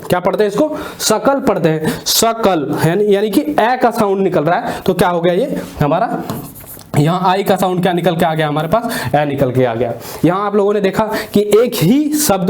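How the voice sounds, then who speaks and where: A man's voice: high-pitched, darkish tone. A man teaching an English class. He asks the class questions, answers them himself, and repeats key points often. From India. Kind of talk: classroom lecture. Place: classroom, standing.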